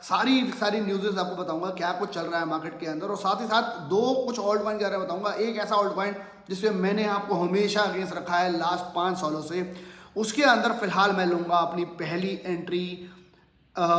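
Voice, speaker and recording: Male channel host, high pitch, persuasive promo delivery, mixes in English phrases; heavy bare-room echo. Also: fairly bright tone. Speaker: market commentary channel host. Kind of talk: casual market explainer to viewers. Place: room with almost no furniture. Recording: echoey sparsely furnished room.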